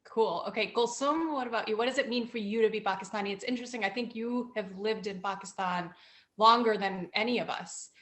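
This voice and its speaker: A woman's voice: medium pitch, fairly quick, a bit bright. A woman hosting a roundtable talk show, upbeat and chatty, slipping in Urdu phrases. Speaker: host.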